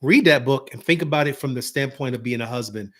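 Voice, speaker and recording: A man talks through marriage advice in an easygoing, motivational way. He acts out little snatches of dialogue and now and then drops into a calm, soft tone to show an example. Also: medium pitch, fast talker. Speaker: host giving marriage advice. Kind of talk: casual motivational talk.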